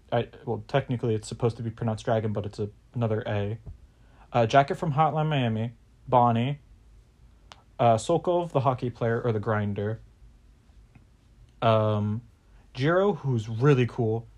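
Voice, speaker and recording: A man's voice: mid-range voice, darkish tone. Rambling young man, casual podcast chat. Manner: rambling, filler-heavy, casual swearing. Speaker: podcast host.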